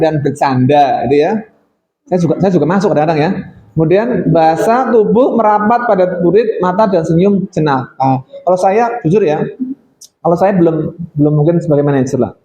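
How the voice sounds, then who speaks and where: A man's voice: high-pitched, warm tone, muffled recording. A middle-aged male teacher, giving an informal training talk to colleagues, chatty with many fillers and acting out quotes.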